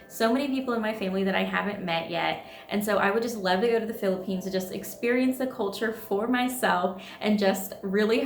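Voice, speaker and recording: A thirty-year-old American woman chats casually in a vlog, sounding upbeat and bubbly. Her voice is medium in pitch with a fairly bright tone. The room is echoey, with faint music in the background.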